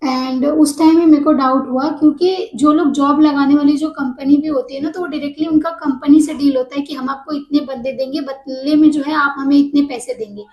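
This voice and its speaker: A woman casually telling a personal story to camera, animated and mixing English words into her speech. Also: sits high, brisk, few pauses, reverberant, highs cut off.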